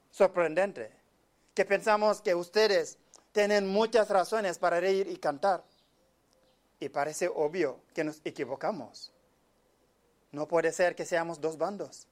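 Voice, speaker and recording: A man from Senegal giving an earnest, measured monologue, often speaking quietly. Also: high-pitched. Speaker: speaker telling of his migrant life. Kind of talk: reflective spoken monologue.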